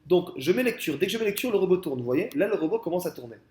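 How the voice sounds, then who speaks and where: A man talking through a software tutorial in a casual, explanatory way, with many fillers and restarts, speaking into a headset. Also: sits high, expressive, very fast, echoey room. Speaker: software trainer. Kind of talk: screen-recorded software tutorial.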